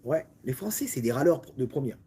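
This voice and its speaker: Brief: French-accented male rabbi, husky voice, casual sermon with stumbling restarts. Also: mid-range voice, lively intonation, brisk, warm tone. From France. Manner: repetitive, stumbling restarts, talks directly to listeners. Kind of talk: lively Torah lesson to a small audience.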